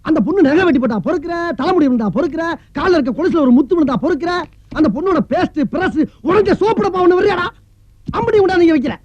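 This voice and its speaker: Shrill, fast-nagging comic tenant, dry muffled film track. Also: male voice, a little mellow, no room sound. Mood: scolding. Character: mocking talkative male tenant friend. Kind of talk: Tamil film comedy dialogue. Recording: dull film soundtrack.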